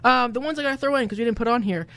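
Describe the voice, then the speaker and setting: A man in his twenties hosts a college radio show, talking at a quick clip. He rambles casually through his points and fills the gaps with ums and uhs. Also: very high-pitched, gravelly, bright, forceful tone, slight background noise. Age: 20s. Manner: rambling with many fillers. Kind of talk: casual chat.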